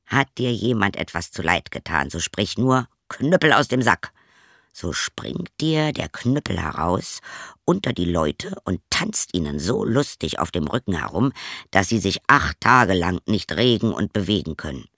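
Guy doing a calm old fairy tale master giving advice, low and steady, lively lilt. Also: unhurried, creaky, dry recording, studio quality, exaggerated voice. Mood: instructive. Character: wise old male craft master, calm.

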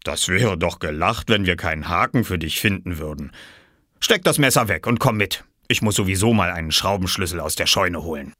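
A man voicing a kindly older farmer who talks calmly and in a fatherly way. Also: deep voice, a little fast, no echo, studio quality, exaggerated voice.

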